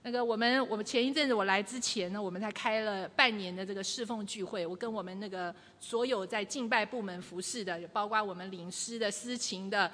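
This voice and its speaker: A woman giving a lively church teaching, acting out quoted lines with humor. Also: mid-range voice, brisk, hardly any pauses. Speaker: church speaker. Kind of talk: sermon teaching to a congregation. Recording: long reverb of a large hall.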